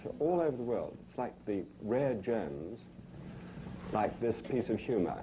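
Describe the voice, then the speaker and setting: A man's voice: fairly low pitch, sing-song, a little slow, lo-fi sound, background noise. A man hosting a TV cooking show in front of a live studio audience, joking and teasing the audience as he talks. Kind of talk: comic cooking show monologue.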